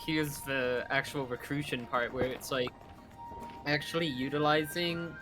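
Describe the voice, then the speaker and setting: A man's voice: mid-range voice, steady tone, a little slow, music in the background, poor audio. A man in casual gaming chat, rambling through ideas with lots of likes and restarts. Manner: rambling, many fillers and restarts.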